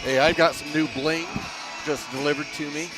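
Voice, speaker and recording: A man's voice: on the high side, fairly even intonation, normal speed, music in the background, rough recording. A man giving casual game commentary as part of a sports broadcast team.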